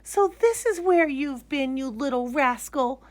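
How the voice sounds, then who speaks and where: A woman's voice: sits high, animated, measured pace, pitched above the performer's own voice. A woman voicing an eager, affectionate little girl in a storybook, with an exclamatory, heartfelt delivery.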